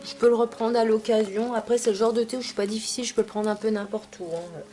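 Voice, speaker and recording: A woman's voice: on the high side, steady tone, fast, dark tone, soft background music. A young adult woman reviewing teas she has finished, chatty, with many fillers and asides. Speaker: tea vlogger. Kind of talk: casual product review.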